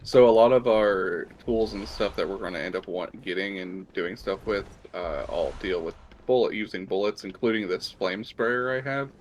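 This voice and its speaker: A man's voice: low voice, moderate pace, few pauses, slight background noise. A man casually talking through his video game play, explaining things in a rambling way with lots of fillers. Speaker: gameplay co-host. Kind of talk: casual let's-play chat.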